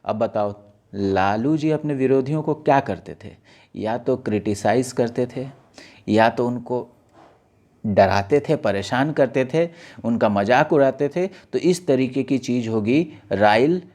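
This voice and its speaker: A man giving an exam-prep lesson, reading newspaper lines aloud slowly, then asking his students questions and answering them himself. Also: mid-range voice, lively intonation, darkish tone. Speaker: teacher.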